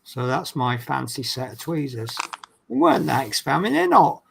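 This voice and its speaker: A man's voice: mid-range voice, very animated, moderate pace, vocal fry, background noise. A man with a Norfolk accent, chatting casually and teasingly as he hosts a hobby stream. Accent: Norfolk English. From East Anglia, England. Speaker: livestream host doing a hobby build. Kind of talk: casual chat while working at a hobby.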